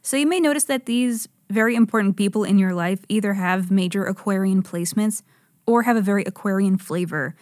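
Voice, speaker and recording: A woman's voice: medium pitch, fairly quick, a little mellow, no echo, clean studio sound. An American woman narrating a horoscope in a casual comedic style, irreverent and sweary, with slangy, playfully dramatic delivery. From New England, United States. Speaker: astrologer, host.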